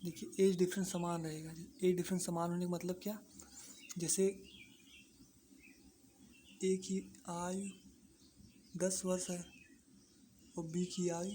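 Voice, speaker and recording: A maths teacher walks students through a lesson in an even, unvaried tone. They go over each step twice, asking a question and answering it themselves. Faint birdsong and low background noise sit behind the voice. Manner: repeats points, asks and answers own questions. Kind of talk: explaining a lesson to exam students.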